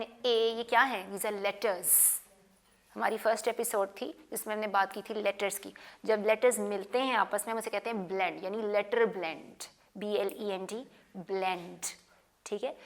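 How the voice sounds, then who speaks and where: A woman's voice: fairly high pitch, a bit bright. A woman teaching a phonics lesson, mixing English words into Hindi and repeating each sound several times. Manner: drills sounds by repeating them. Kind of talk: slow classroom lesson.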